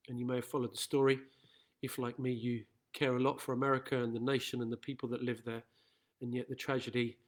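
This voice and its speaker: An earnest man speaks as a school chaplain. His voice sits at an ordinary middle pitch, and he delivers a reflective assembly talk in a sincere, thoughtful way.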